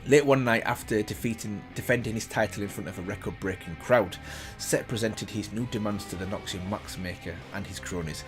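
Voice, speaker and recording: Speaking briskly in a fairly low voice, a man reads text aloud as a reaction video host and pauses for casual commentary. Loud background music accompanies him.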